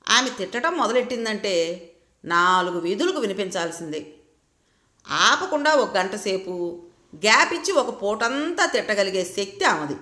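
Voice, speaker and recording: A woman narrating a story aloud in an expressive, lively reading manner. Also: medium pitch, reverberant.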